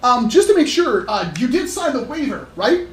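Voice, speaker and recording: A woman's voice: high-pitched, sing-song, normal speed. A woman imitating a flustered male arena owner who stammers and hurries to placate everyone. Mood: placating. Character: flustered male arena owner, eager to smooth things over. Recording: roomy echo.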